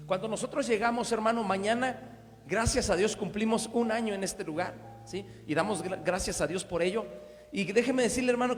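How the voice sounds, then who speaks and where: A man preaching a sermon, often checking in with the congregation. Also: high-pitched. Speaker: pastor. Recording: long hall reverb with faint instrumental music.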